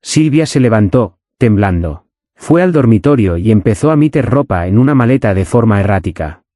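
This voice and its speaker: A man's voice: mid-range voice, dark tone, no room sound, studio quality. A man narrating a dramatic first-person story with an intense delivery.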